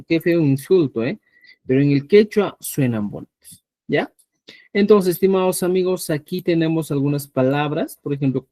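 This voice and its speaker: A man from Peru teaching a live online language class, patiently repeating words slowly so students can hear the pronunciation. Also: a little high, darkish tone, no echo. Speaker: Quechua teacher.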